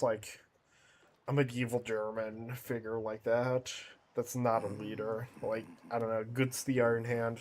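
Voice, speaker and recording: A man casually chatting on a game livestream, thinking aloud and laughing often. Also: mid-range voice. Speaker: game streamer.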